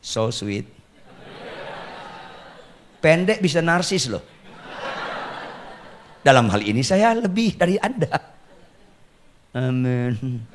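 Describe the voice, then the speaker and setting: Lively joking Indonesian pastor, man. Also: mid-range voice, a little hiss or hum. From Batak, Indonesia. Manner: joking, self-mocking, with sudden loud outbursts and soft asides. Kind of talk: humorous sermon. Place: church sanctuary.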